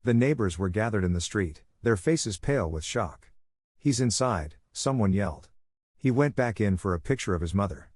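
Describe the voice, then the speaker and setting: A man narrating a dramatic story in a steady, measured storytelling delivery. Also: lowish voice, no room sound, studio quality.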